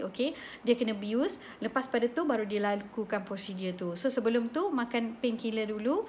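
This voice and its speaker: A woman in her thirties with a Malaysian accent, hosting a parenting talk and telling stories in a chatty, animated way. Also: a little high, slight background noise. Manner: chatty, code-switching, animated storytelling. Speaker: host of a parenting slot. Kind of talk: casual live chat, storytelling.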